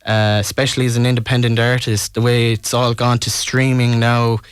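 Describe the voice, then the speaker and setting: Clear-voiced west of Ireland man, casual. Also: medium pitch, flat delivery, brisk, no room sound, studio quality. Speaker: musician being interviewed. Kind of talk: casual radio interview.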